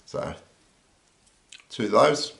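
This is a relaxed demonstration: an older British man explains each item of a survival kit, stopping now and then with an "uh." It's recorded indoors at a table in an echoey room, the overhead camera on his hands and the speaker off frame.

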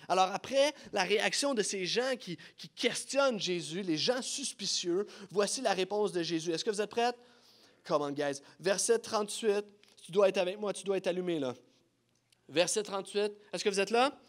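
A man with a Quebec French accent preaching a sermon in a church, animated, urging the congregation to repeat lines after him. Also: high-pitched, normal speed. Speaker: pastor. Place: church sanctuary.

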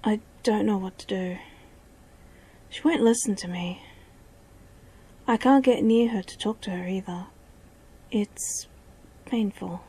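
A brooding young male wolf speaks low and soft, his words half whispered, as a woman acts him out. The tone is dark and breathy, like a storybook read close to the ear. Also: slow, pauses often, poor audio. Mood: troubled.

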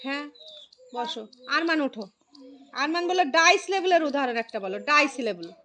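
A woman teaching a primary school class. She calls on pupils by name, repeats key phrases slowly and praises their answers. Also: high voice, animated, sharp tone. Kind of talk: classroom lesson.

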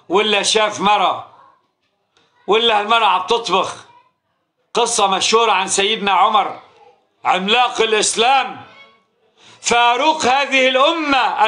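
A Syrian-accented male preacher delivering a Ramadan sermon with fervent, animated storytelling. His voice sits high and rings bright and forceful. He speaks directly to the congregation, calling them his brothers. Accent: Syrian Arabic.

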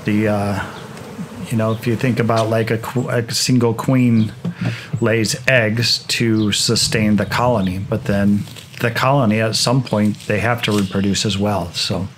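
A man explaining swarming while working his beehives in a grassy yard, in a relaxed manner with frequent restarts. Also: fairly low pitch, a little slow, background noise. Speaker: beekeeper, channel host. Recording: outdoor recording with insect buzz behind.

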